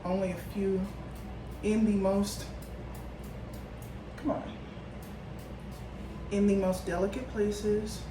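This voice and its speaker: A woman's voice: mid-range voice, flat delivery, slow pace, long pauses, music in the background. A woman in her thirties chatting casually to the camera in a vlog, rambling with lots of fillers while she gets ready at home. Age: 30s. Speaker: vlogger. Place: home room, getting ready. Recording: echoey room with clear background noise.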